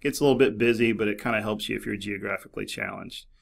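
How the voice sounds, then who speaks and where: Low gravelly man explaining software. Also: quick pace. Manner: relaxed, explanatory, with frequent fillers and restarts. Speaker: librarian demonstrating a database. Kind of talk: screen-recorded tutorial narration. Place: office.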